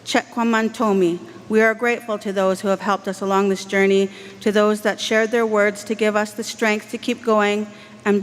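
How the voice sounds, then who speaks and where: Earnest woman speaking in a reverberant hall. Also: mid-range voice. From Canada. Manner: measured, earnest and heartfelt delivery. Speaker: graduand speaker. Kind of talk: formal convocation speech. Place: large indoor ceremony hall. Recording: long hall reverb, faint background hiss.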